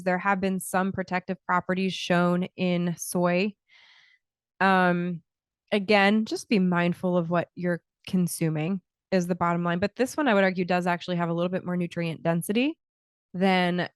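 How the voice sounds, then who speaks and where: Smooth-voiced woman podcast host, close mic. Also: fairly low pitch, no echo. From Scotland, early childhood. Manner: conversational, explanatory, frequent restarts and fillers. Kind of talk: casual solo podcast talk. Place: small home studio, indoors. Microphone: large studio mic close to the mouth.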